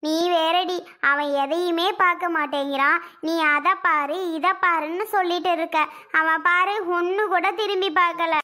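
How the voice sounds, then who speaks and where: A woman voicing Sathya, a bossy elder sister in a cartoon, who talks bluntly and scolds in a voice lower than the others. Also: fairly even intonation, normal speed, pushed and bright. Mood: scolding. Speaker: cartoon character. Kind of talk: cartoon voice acting.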